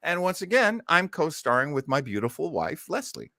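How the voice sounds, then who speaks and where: An American man hosts a casual radio fan show from indoors at home, theatrical, effusive and self-mocking. His slightly high voice is very animated and sharp in tone, at a moderate pace. The sound is clean studio quality with no echo.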